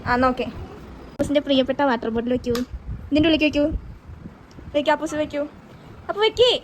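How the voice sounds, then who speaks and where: A woman with a high voice talks casually to her viewers and coaxes a small child in a sing-song tone. The recording is noisy, with traffic and outdoor sounds around her. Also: fast talker. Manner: coaxing sing-song talk to a toddler. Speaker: vlogger and mother. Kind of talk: casual family vlog talk.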